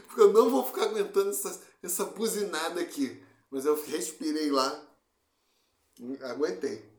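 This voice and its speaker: Man, casual chat, blunt and profane, slightly high voice, roomy echo. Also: a little slow, pauses often. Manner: blunt and profane, many restarts. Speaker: podcast co-host.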